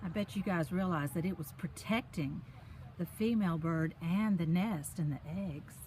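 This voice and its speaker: A woman with a lowish, darkish voice reads a picture book to children at normal speed outdoors on a park trail, and a little hiss or hum can be heard. As a story reader, she speaks straight to the young listeners in simple, chatty, encouraging asides.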